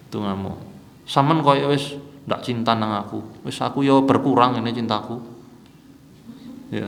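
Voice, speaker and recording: A man preaching in a religious study session with an East Javanese accent, lively and acting out quoted voices as he teaches. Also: mid-range voice, creaky, big-room sound, a little hiss or hum. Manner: animated, mixes Javanese with Indonesian, acts out quoted mourners.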